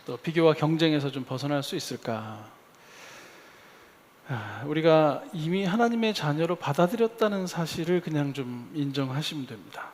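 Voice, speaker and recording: A man preaching a sermon as pastor in a church, telling a personal story with lively acted-out asides. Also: on the high side, moderate pace. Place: church sanctuary. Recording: long hall reverb.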